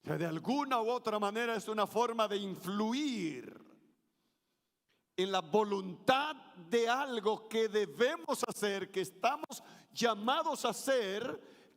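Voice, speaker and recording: Middle-aged male pastor, unhurried high voice, plays with intonation and calls for responses, reverberant church hall. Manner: varies intonation for emphasis, leads congregation in call-and-response. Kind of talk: sermon. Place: church sanctuary.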